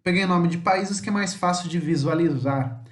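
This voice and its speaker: A Brazilian-accented man teaching a homeschool lesson, with a voice pitched a little high for a man. He chats along, tacks questions onto his sentences and sounds out example words slowly. The room around him is echoey. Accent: Brazilian Portuguese. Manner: chatty, many tag questions, slow deliberate word examples.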